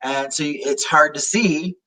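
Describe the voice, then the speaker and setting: A non-native English-speaking man, a sound healer, talking in a halting way with many restarts while he searches for words. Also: on the high side, bright, forceful tone, low-quality recording. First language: not English. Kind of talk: casual interview chat.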